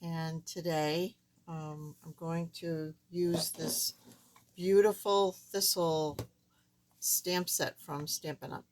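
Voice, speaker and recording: Thin, squeaky woman, slow-paced. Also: steady tone, darkish tone. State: voice not back to normal after surgery. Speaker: card-making tutorial host. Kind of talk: casual craft tutorial.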